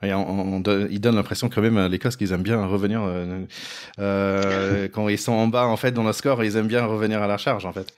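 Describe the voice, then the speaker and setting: A man's voice: lowish voice, level tone, fairly quick. A man hosting a sports podcast in casual chat, leaning on fillers and laughing easily. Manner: chatty, fills with "en fait", laughs easily. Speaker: podcast host.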